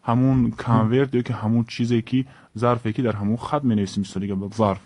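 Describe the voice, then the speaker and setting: Brief: male teacher, Tajik accent, slow drill voice, dry close sound. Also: medium pitch, fairly even intonation, darkish tone, no echo. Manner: slow, repeats each word, stresses letter names. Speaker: Arabic teacher. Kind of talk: alphabet lesson.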